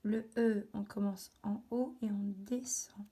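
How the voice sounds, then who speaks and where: A woman teacher with a French accent gives a remote lesson to young children, stretching out words and articulating slowly and clearly. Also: mid-range voice, steady tone, mellow.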